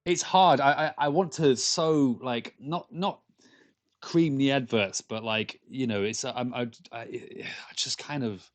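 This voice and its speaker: A man's voice: mid-range voice, slow. English guy, 30s, live-streaming dev, chatty and rambling, trips over his words. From London, England. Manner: rambling, stammering restarts, frequent laughs. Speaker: game developer streaming live. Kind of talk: casual live stream chat with viewers.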